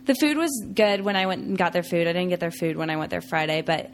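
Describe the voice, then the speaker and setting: A woman co-hosting a local podcast, talking in a casual, chatty way, her voice raspy because she is sick. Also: on the low side, animated, fast, slight background noise. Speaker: podcast co-host. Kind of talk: casual chat.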